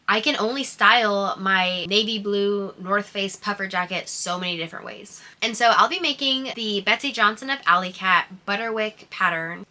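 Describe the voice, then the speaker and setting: A woman's voice: medium pitch, sharp tone. An American woman chatting casually and gushingly as a sewing vlogger, with a speech impediment that turns her R sounds toward w. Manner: gushing, informal, emphatic.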